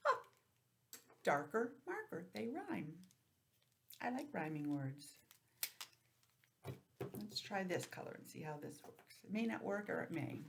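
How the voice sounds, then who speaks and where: She has a mid-range, somewhat bright, creaky voice with big pitch swings, an unhurried pace and frequent pauses, over slight background noise. At home on her laptop, the teacher runs an interactive calendar lesson for young children over video call, posing questions and making chatty asides.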